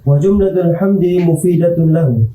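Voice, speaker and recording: A man's voice: a little high, moderate pace, narrow, tinny audio. A male student reading lines of a classical text aloud in class. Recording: distant and echoey.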